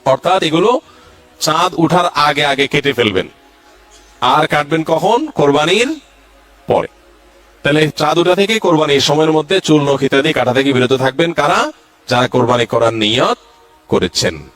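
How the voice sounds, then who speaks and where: A man's voice: a little high, animated, normal speed, pauses often, a bit bright, faint music behind. A male Islamic preacher giving a religious lecture, going through numbered points and reciting Arabic verses.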